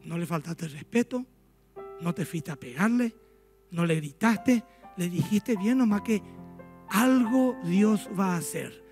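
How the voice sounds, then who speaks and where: High-voiced Paraguayan pastor preaching. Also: male voice, unhurried, faint music behind. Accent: Paraguayan Spanish. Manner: animated storytelling, acting out dialogues. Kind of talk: sermon.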